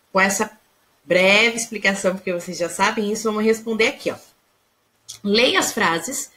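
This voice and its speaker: Brazilian woman teacher with lively, varied pitch. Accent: Brazilian Portuguese. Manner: patient, explains step by step with frequent "tá?". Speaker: primary school teacher. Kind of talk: recorded remote class explanation.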